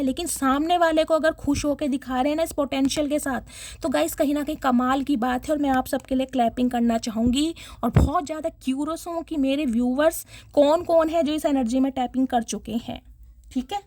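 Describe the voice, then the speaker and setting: A woman's voice: high-pitched, darkish tone. A woman with a Hindi accent giving a tarot reading to her viewers, chatty and dramatic, sprinkling English words into her talk. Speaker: tarot reader.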